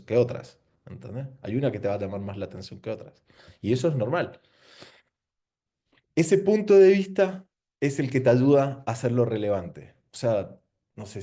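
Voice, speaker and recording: A man's voice: medium pitch, warm tone. A man from Argentina with an Argentine Spanish accent, giving an informal marketing seminar talk full of rhetorical questions and slang. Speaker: marketing speaker. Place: venue with an audience.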